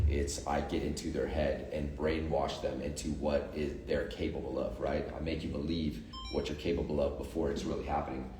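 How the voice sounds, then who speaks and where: A man with a slightly mellow bass voice, a coach and retreat organizer, enthusiastically walks through the plan in a casual promotional chat full of fillers and motivational lines. He's far from the mic in an echoey room, with slight background noise.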